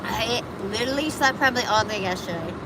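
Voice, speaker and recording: Streaming amid traffic, a Buffalo, New York woman talks fast in a slightly high voice with lively intonation. She hosts a casual live chat, rambling chattily and reacting to viewers' comments and questions.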